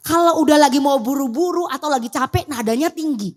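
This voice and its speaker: Middle-aged woman preacher with an Indonesian accent, lively and loud, fairly high voice. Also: fast. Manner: animated, acts out family dialogue, laughs often; loud, high-pitched when speaking emphatically. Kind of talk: sermon. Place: church.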